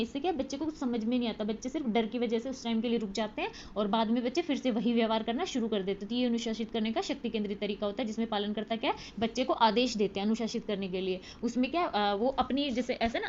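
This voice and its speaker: A woman's voice: fairly high pitch, muffled recording, a little hiss or hum. A woman tutor giving an exam-prep lecture. She explains at length, with many fillers and repeated words.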